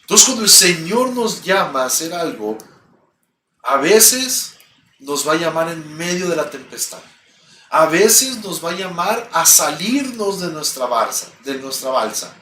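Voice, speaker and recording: High-voiced Mexican preacher in echoey church. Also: male voice, sing-song, measured pace, bright, forceful tone. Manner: emphatic, repeats key phrases. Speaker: pastor. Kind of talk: sermon. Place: church sanctuary. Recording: echoey church, distant mic, faint background hum.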